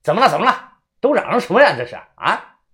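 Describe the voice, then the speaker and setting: A man's voice: sits high, sing-song, fast talker, sharp tone, voice pushed up, exaggerated voice. Man doing a barking bossy ward manager. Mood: angry. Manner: barking, threatening. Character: bossy male ward manager, arrogant and angry.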